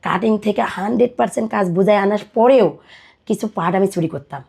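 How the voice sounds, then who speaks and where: A young Bangladeshi woman from Dinajpur, in her twenties, talks briskly in a medium-pitched voice that is creaky, husky, and a little mellow. As a podcast guest, she shares her life story in conversation and repeats what people said to her, with music playing underneath.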